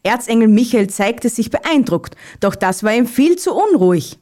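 A woman narrating a Christmas children's story in a calm, even reading voice. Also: fairly high pitch, moderate pace.

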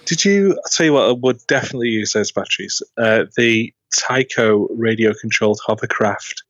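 A man's voice: on the low side, moderate pace, a bit bright, dry recording, lo-fi sound. A middle-aged man chatting as a podcast co-host, hesitant and dryly humorous. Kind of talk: casual bantering chat. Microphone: online call, dry sound.

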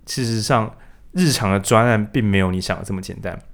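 A man's voice: on the low side, fairly quick. A man co-hosting a casual book discussion, acting out quotes in raised voices. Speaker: podcast co-host.

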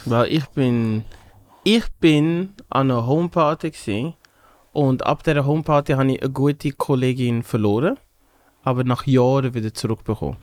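A man's voice: mid-range voice, normal speed, dry recording. A young man speaking with a Swiss German accent, a comedian animatedly telling anecdotes and acting out the voices in them. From Congo. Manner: animated, acts out voices in anecdotes, laughs often. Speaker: comedian podcast host. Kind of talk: casual chat, storytelling.

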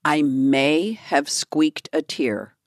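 A woman's voice: low voice, extremely slow, no echo, studio quality. A woman from California co-hosting a podcast, telling a story in casual chat and acting out the people in it. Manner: animated storyteller who acts out quotes. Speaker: podcast co-host.

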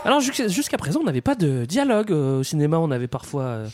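A man's voice: fairly high pitch, sing-song, quick pace, over music. A man hosting a casual talk show about film history, joking as he moves the talk along. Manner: jokey, leads the segments. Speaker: host. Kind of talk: casual podcast chat.

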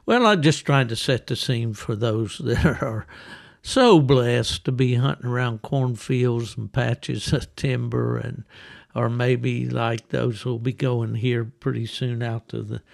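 A man hosting a conversational interview, explaining things for listeners in an unhurried, scene-setting way. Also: mid-range voice, creaky. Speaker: podcast host.

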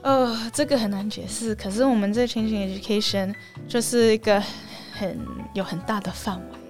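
Brief: young woman from Canada, podcast guest, casual and animated, acts out quotes, laughs easily. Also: medium pitch, normal speed, soft background music. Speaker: podcast guest, graduate student. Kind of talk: casual chat.

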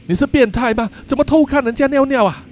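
A male storyteller voicing a frightened, defiant young boy who answers back in a shrill, indignant voice. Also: quick pace. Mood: flustered defiant. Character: panicky defiant young boy camping with his father.

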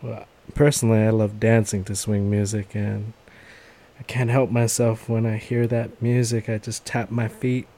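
A man's voice: lowish voice, flat delivery, normal speed, vocal fry, mellow. A man who dances swing, a guest on a radio show, talking casually and with enthusiasm at a studio microphone. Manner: enthusiastic, laid-back.

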